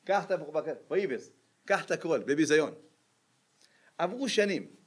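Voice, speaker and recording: Animated rabbi preaching, slightly high voice. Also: male voice, husky. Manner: lively, peppered with rhetorical questions to the audience. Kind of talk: sermon.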